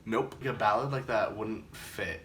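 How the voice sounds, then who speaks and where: A man with a campy, expressive drag queen delivery, chatting casually and effusively as the host of a music reaction video. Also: fairly low pitch, measured pace, slight background noise. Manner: effusive, gushing. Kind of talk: casual excited album reaction chat.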